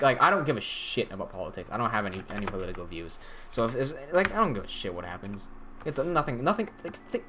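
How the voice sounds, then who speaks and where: Sitting at a desk in an indoor room, a young man from Hong Kong chats casually on a live stream, fielding questions from chat, often restarting sentences and swearing bluntly. His mid-range voice sounds pushed and bright, with a bit of hiss or hum in the recording.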